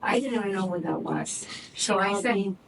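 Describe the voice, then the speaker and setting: With a creaky, mid-range voice at a moderate pace, a Cuban-accented woman in her sixties talks as a guest at an on-stage fireside chat held in an office event space with a live audience. Born in Cuba and raised in Miami, this board member and investor speaks conversationally, restarting often and using fillers, captured by a distant mic amid background noise.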